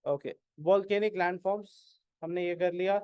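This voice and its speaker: A man with an Indian English accent teaching an exam-prep class, mixing Hindi and English and often asking whether it is clear. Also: high-pitched, fairly even intonation, takes it slowly, a little mellow, no echo. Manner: keeps asking "is it clear?", questions and answers his own prompts.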